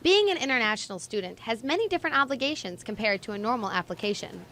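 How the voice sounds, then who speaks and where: A woman's voice: fairly high pitch, animated, fast, fairly bright tone. A young woman reporting a student news story in scripted narration, with an upbeat, punny delivery.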